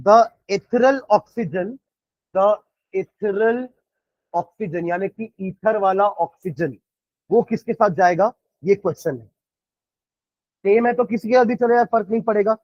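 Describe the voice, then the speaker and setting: तेज़ और धीमा बोलने वाला पुरुष शिक्षक, सूखी धीमी recording. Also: male voice, high voice, no room sound, muffled recording. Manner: switches between rapid explanation and slow word-by-word dictation. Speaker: chemistry teacher. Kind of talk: classroom lecture, dictating notes.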